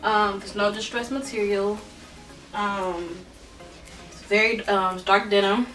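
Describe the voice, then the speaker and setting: A young woman with a bright, tense voice chats casually as she tries on clothes, dropping fillers and "y'all" as she goes. She is tired and out of breath. She sits back from the mic in her bedroom, which sounds roomy, with faint music underneath. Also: medium pitch, fairly even intonation, takes it slowly, recorded from a distance. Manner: chatty, many fillers, says "y'all". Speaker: vlogger. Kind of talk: casual try-on haul chat.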